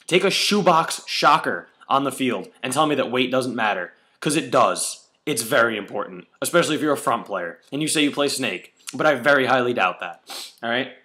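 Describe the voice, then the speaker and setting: A man's voice: medium pitch, expressive, normal speed, sharp tone. A young man giving an angry, profanity-heavy video reply, lecturing a critic. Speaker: paintball player replying to a commenter. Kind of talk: angry video response rant.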